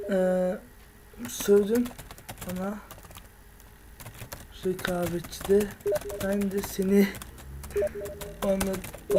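A woman's voice: mid-range voice, noisy background. A woman hosting a gaming video, chatting casually with slang and frequent laughter as she teases others. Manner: laughing often, slangy and teasing.

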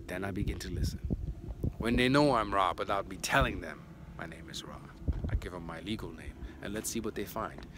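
A man with a lowish voice tells a spiritual story in a relaxed monologue. He is soft-spoken and often drops into hushed asides. A faint noise sits under the voice. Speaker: spiritual channel host.

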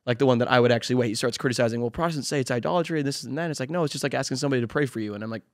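A young man chats fast and loose into a studio boom mic, piling on fillers and slang as he tells a story. His voice sits in the middle of the range, and the booth sounds dry and close. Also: no echo. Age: young adult. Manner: animated storyteller, slangy, quick with many fillers. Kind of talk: casual conversation. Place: dark podcast studio. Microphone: studio boom mic with headphones.

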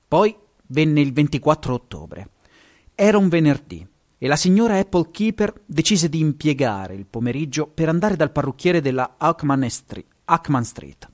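Animated Italian man reading a story. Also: on the high side, moderate pace. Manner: lively, stumbles and corrects himself, chuckles at asides. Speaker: podcast host and story reader.

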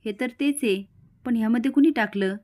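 A woman's voice: a little high, brisk, dark tone, natural voice. Woman doing an earnest, wistful young maid. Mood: wondering.

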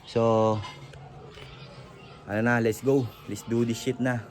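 A motovlogger chats through his helmet intercom headset while riding a motorcycle outdoors, his medium-pitched voice flat and slow. The casual how-to vlog rambles loosely with plenty of fillers, and the intercom audio comes through dull and lo-fi.

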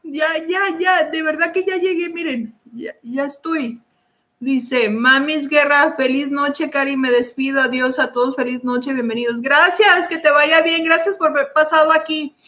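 A young woman hosts a live stream, greeting viewers one by one and reading their comments aloud. Her voice sits high and bright, and she talks at an unhurried pace. She keeps dissolving into giggles. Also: fairly even intonation. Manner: giggly, keeps breaking into laughter. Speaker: livestream host.

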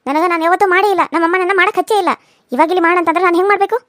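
Cartoon bride voiced by a woman: stubborn, sharp-tongued young wife, very high and rapid, North Karnataka Kannada accent. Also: fairly even intonation, no room sound, clean studio sound. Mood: defiant. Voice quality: sharp, quick retorts. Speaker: voice actor. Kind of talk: cartoon serial voice acting.

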